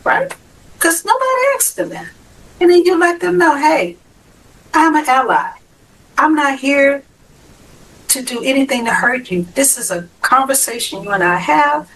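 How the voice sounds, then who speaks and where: A middle-aged woman, a guest and survivor advocate, telling her story in an interview with animated, emphatic delivery. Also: high voice, normal speed, long pauses, poor audio. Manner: animated, acts out dialogue, emphatic.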